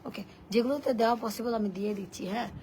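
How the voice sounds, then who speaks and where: Hoarse, gravelly woman selling on a live stream. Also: fairly high pitch, fast talker, mellow. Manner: chatty and blunt, reads viewer comments aloud. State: hoarse, voice worn from shouting. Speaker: online seller hosting a live sale. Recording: noisy live-stream audio.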